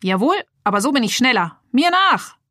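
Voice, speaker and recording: A woman voicing a cheerful, proud little male toy robot that can transform, in a storybook reading, eager and brisk. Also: a little high, sing-song, bright, forceful tone, no echo, studio quality, pitched above the performer's own voice, heavily acted.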